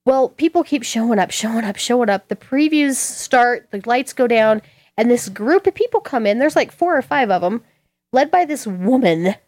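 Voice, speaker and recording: A woman's voice: fairly high pitch, expressive, moderate pace, a little mellow, no echo. A woman telling a story at length, acting out other people's lines in a raised voice. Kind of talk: animated storytelling.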